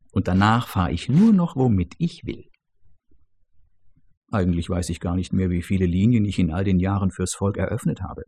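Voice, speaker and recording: Casting: a man playing a weary, self-satisfied engineer boss muttering low, husky and dark, story reading. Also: exaggerated voice. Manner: muttering to himself, low and quiet. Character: aging male chief engineer, smug and weary.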